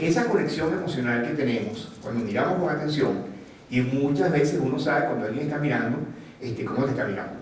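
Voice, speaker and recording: A man giving a motivational talk to an audience in an animated way, putting questions to the listeners and acting out quotes. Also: medium pitch, slight background noise. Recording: distant mic in an echoey room.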